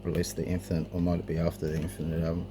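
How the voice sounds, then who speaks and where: A middle-aged man with a low, monotone voice talks rapid-fire while showing off his cassette collection in a casual, unscripted way. He sounds a little hesitant, and the amateur home camera recording is clearly noisy.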